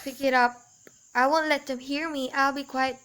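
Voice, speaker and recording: A teenage girl plays a nervous invalid woman, bedridden and alone, who talks in a high, bright voice. She is fretful and insistent, and her demands keep spilling over into panic. It is a school radio play. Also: fairly even intonation, moderate pace. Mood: frightened. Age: teens. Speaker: student actor.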